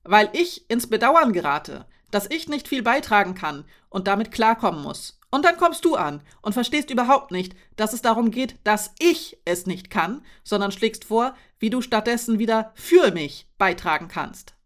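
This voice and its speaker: A woman's voice: on the high side, big pitch swings, moderate pace, hardly any pauses, a bit bright. Woman voicing an angry frustrated woman, raised and heated.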